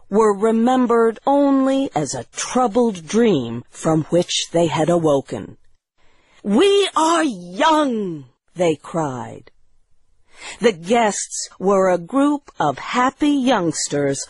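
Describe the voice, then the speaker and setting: Slow, deliberate woman storyteller. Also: medium pitch, no echo. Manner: slow, deliberate reading with clear phrasing. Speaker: narrator. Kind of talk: scripted story narration.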